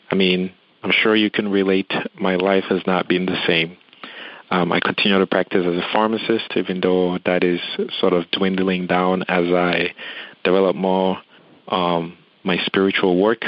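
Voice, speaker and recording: A man from Cameroon, a podcast guest, speaking calmly and in a measured way. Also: low-pitched, no echo, poor audio. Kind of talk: casual interview.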